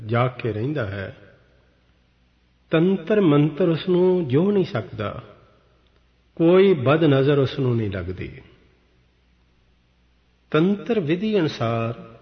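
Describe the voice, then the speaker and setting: A male preacher gives a sermon in a slow, unhurried, measured cadence, stretching verses out as he explains them. His voice has a mid pitch, and the recording is dull with a long hall reverb. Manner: slow, measured scripture exposition. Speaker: Sikh preacher.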